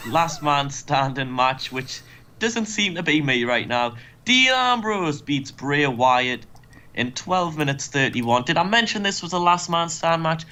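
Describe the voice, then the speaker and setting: A man's voice: fairly high pitch, pushed and bright. Wry man commentating a game. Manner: joking, wry. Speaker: let's play host.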